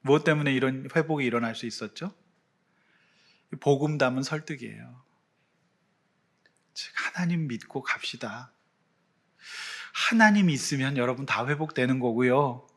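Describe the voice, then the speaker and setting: A man preaching a Sunday sermon as pastor, animated, with sudden loud swells. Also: medium pitch, normal speed, pauses often.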